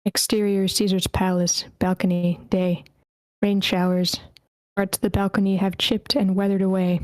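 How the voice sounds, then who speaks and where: A woman reads scene directions aloud at a script table read, at a steady pace. She sometimes trips over character names. Her voice sits at a middle pitch and stays flat and even, recorded close and dry. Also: moderate pace, dry recording. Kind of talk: reading screenplay action lines aloud. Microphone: computer mic in an online meeting.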